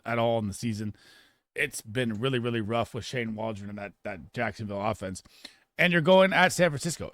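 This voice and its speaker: A man giving casual fantasy football start and sit analysis in an emphatic, rapid way, often restarting his sentences. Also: medium pitch, a bit bright, no room sound, studio quality.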